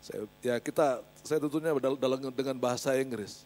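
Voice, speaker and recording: A man's voice: medium pitch, a little fast, a little mellow. A male pastor giving an emphatic sermon with a personal testimony, often turning to address the congregation directly.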